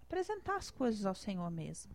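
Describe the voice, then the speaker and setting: A woman's voice: medium pitch, sing-song, brisk. A woman with a Brazilian Portuguese accent, preaching in a conversational, emotional way and telling her own story. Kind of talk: sermon with personal testimony.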